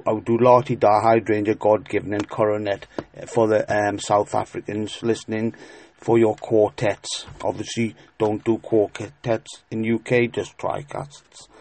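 A man giving informal horse racing tips as a tipster, emphatic and repeating words for stress, with a halting delivery. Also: fairly low pitch, darkish tone. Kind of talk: informal betting tips commentary.

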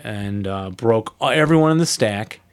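A man co-hosting a podcast, giving an animated, story-like recap of a board game in casual chat. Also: fairly low pitch, unhurried, clean tone. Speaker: podcast co-host.

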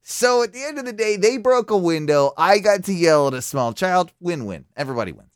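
A man's voice: high voice, sing-song, fairly quick, smooth, dry recording, studio quality. A man hosting a radio show, telling a profane, rambling story in casual chat.

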